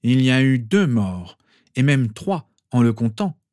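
A man's voice: mid-range voice, sing-song, unhurried, darkish tone, no room sound, studio quality, voice pushed up. A man doing a stern cold wizard.

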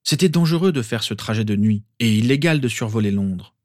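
A man's voice: mid-range voice, animated, fairly quick, darkish tone, dry recording, clean studio sound, natural voice. A man voicing a stern but kind father who scolds firmly. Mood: scolding. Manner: firm, scolding.

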